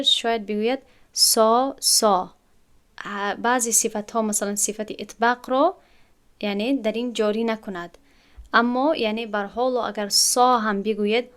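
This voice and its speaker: A woman's voice: on the high side, clean tone. A woman teaching a recitation lesson, explaining patiently and drawing out syllables to demonstrate how they sound. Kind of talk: tajweed lesson to students.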